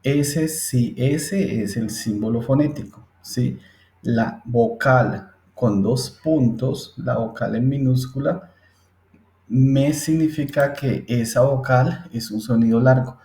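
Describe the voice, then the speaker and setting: Slow, patient male teacher, echoey room. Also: mid-range voice, warm tone. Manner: patient, step-by-step, checks in with listeners often. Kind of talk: screen-recorded English phonetics lesson. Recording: roomy echo.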